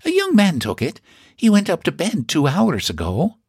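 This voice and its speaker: A man's voice: on the high side, wildly swooping pitch, measured pace, husky, dry recording, studio quality, voice pushed up, full character voice. A man voicing an old landlady who is proper, businesslike and stern, speaking in guarded, furry tones. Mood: knowing.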